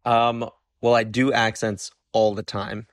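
A relaxed man chats as a podcast guest in a fairly low, easygoing voice. The sound is close and dry, with no room echo. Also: measured pace. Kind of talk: casual interview chat.

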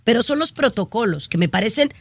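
A woman hosting a casual chat show, telling stories in an animated, exasperated way. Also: on the high side, a little fast, husky. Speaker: show host. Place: in Florida.

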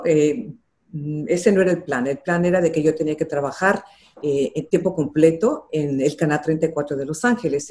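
An older woman with a deep, warm voice, a television journalist, is interviewed about her career. She tells her story earnestly and reflectively, using some fillers.

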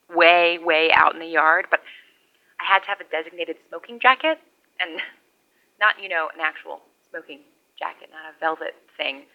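An actress playing a lone, wry survivor rambling into a CB radio years after the collapse. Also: female voice, lowish voice. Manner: rambling, wry, conversational monologue. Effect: over a CB radio. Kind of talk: audio drama radio log. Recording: muffled lo-fi radio sound.

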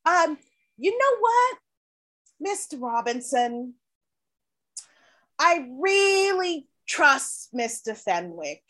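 A woman's voice: high-pitched, very animated, very slow, pauses often, fairly bright tone, full character voice. A woman playing an eager female beauty shop receptionist in an improvised comedy scene, sweet and earnest.

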